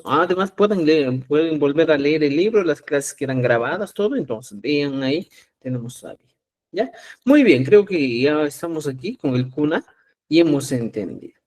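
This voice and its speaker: Male teacher from Peru, patient and repetitive, slightly higher voice, live online class. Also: lively intonation, moderate pace, darkish tone. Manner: patient, repeats "¿ya?" to check understanding. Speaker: Quechua teacher.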